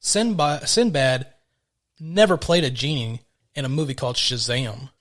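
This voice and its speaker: A man's voice: medium pitch, normal speed, fairly bright tone. A man co-hosting a podcast in loose, casual chat, rambling and swearing freely. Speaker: podcast co-host.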